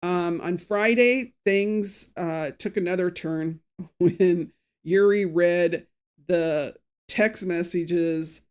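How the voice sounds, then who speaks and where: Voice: medium pitch, extremely slow, smooth. A true crime show host in a casual live recap, chatty and opinionated, greeting viewers by name and reading out quotes with added emphasis. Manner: reads out quotes with acted emphasis.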